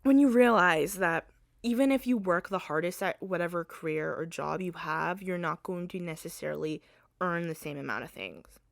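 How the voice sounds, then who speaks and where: Female podcast host, young, animated and profane, close dry mic. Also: lowish voice, moderate pace, gravelly, no echo. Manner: animated, swears freely, laughs and trails off mid-thought. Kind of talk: casual solo podcast rant.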